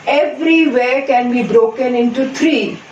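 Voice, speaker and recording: Woman, patient teacher, slightly high voice, distant mic, faint room hum. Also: unhurried, darkish tone, dull audio. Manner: patient, repeats and spells out examples. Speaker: English teacher. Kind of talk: slow explanatory lesson. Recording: echoey room from far off.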